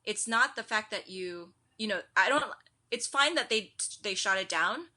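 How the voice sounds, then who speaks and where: Bright, animated American woman. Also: mid-range voice. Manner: animated storyteller, quick with fillers and quoted asides. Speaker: edtech director, podcast guest. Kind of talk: casual interview conversation.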